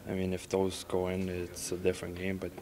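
A man's voice: sits low, monotone, brisk, a crowd in the background, rough recording. A man in his twenties, a hockey player, answering reporters in a plain, matter-of-fact way. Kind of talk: post-game media interview.

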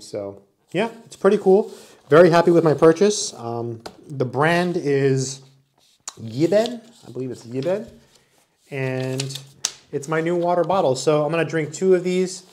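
A man in his forties, voice slightly high with a darkish tone, chats enthusiastically through a casual product review, demonstrating the item as he goes. He's recorded close on a camera mic in a small indoor room with a wood-panel wall.

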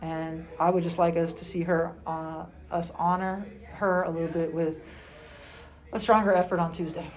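A woman in her forties, a basketball head coach answering questions at a postgame press conference, speaking in a measured, halting way with many fillers. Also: on the low side, level tone. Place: small room indoors at a table.

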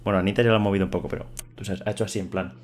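A man's voice: low voice, very fast. A young man from Spain with a Spanish accent from Spain, hosting a casual, joking reaction video. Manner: excitable, joking, playful.

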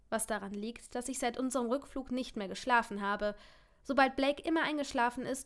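A woman's voice: on the high side, a bit bright. A woman reading a first-person audiobook story in an emotional, tense way. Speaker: audiobook reader.

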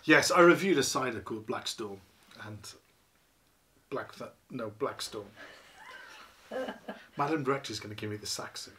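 A man's voice: medium pitch, expressive, moderate pace, long pauses, a bit bright. Chatty beer reviewer in his fifties, rambling and self-mocking, filmed at a living-room table. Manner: chatty, rambling, self-deprecating, many ums and you-knows. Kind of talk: casual beer review to camera. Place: small living room, indoors, seated at a table.

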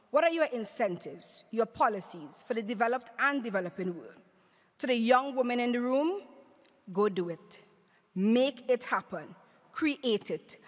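A middle-aged woman delivering a prepared, rousing speech at a podium microphone in a conference hall. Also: on the high side. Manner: rhetorical, rousing, paced with emphatic lists. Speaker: award speaker. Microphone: podium mic on stand.

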